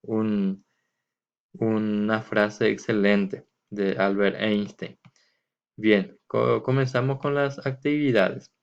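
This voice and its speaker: A man with a fairly low voice delivers a recorded classroom lesson. He explains step by step and with patience, drawing words out to mark their stressed syllables. The sound is muffled and lo-fi. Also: steady tone, slow pace, creaky, clean tone. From Paraguay. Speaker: teacher. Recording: dull lo-fi recording.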